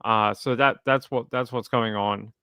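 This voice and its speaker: A man's voice: lowish voice, fairly even intonation, a little slow, sharp tone, clear, resonant tone, no echo. An Australian man hosting a casual live commentary stream, talking in a dry, sarcastic and skeptical way as he responds to chat. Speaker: livestream host of a true crime channel.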